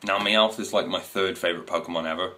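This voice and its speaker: Casting: twenties male vlogger, low voice, loose, meandering chat to camera. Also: steady tone, fast, pushed and bright. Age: 20s. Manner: rambling, many fillers and restarts. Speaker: video host. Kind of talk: casual to-camera talk. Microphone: camera mic.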